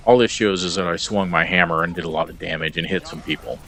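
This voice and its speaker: A man's voice: deep voice, steady tone, fast talker, a bit bright. A man recording a casual video log about his game stats, rambling and hesitant with plenty of ums and uhs. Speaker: gamer vlogger.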